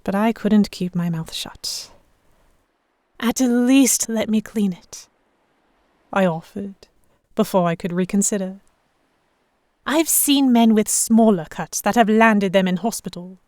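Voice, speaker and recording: A woman voices a sharp-tongued, stubborn and proud heroine narrating a pirate audio drama in the first person, her mid-range voice natural and recorded dry with no surrounding room. She speaks slowly, pausing often, sounding worried and hesitant.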